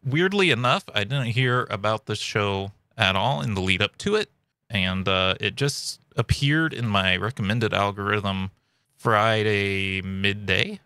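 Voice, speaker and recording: A man's voice: on the low side, measured pace, pushed and bright, clear, resonant tone, no room sound. A man giving casual, chatty commentary as a video host, recorded up close at home.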